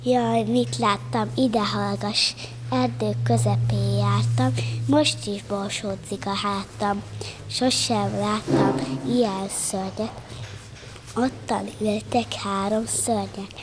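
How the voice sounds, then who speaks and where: A woman's voice: medium pitch, fairly even intonation, background noise, lightly acted. A woman voicing a frightened fox in a rhymed children's tale, telling of monsters in an alarmed, breathless way.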